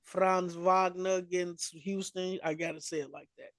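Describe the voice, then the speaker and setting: A man's voice: on the high side, steady tone, moderate pace, no room sound. A man co-hosting a podcast, talking fantasy basketball picks in loose, slangy, trash-talking chat. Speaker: podcast co-host. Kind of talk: casual sports chat.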